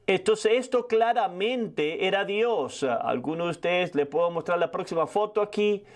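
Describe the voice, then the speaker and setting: Older male preacher, high voice, rapid testimony-style sermon with restarts. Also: expressive. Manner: fast storytelling with frequent restarts.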